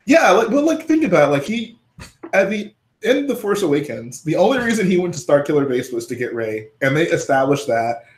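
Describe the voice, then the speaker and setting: Hosting a live stream, a man with a slightly high voice talks briskly and very animatedly, casually working through his points and questioning his guest. The recording has a roomy echo.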